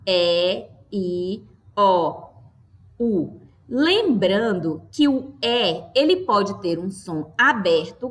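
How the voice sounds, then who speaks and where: Woman teacher, slow careful delivery, lively swinging pitch, checks in with listeners. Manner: slow, clear, stressing each word; checks in with the class. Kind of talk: classroom lesson.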